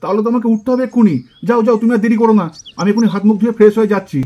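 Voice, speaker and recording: A woman voicing a sleepy young husband in a puppet show, pushing her voice far down and rushing his words. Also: fairly even intonation, dark tone, highs cut off, close to an everyday voice. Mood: hurried. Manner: drowsy then rushed, pitched far down. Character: sleepy young husband, hurried office worker.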